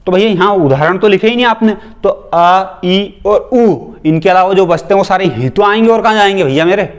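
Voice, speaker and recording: A man with a somewhat high-pitched voice teaches grammar in a loose, chatty exam-prep lecture. He keeps asking his students questions and answering them himself. He drifts into teasing, joking asides along the way. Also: fast talker.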